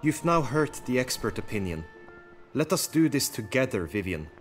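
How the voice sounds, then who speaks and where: An actor playing an earnest, lovestruck knight with florid, chivalrous speech in a fantasy game. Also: male voice, mid-range voice, very animated, normal speed, soft background music, natural voice. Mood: earnest devotion. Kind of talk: dramatic fantasy game acting.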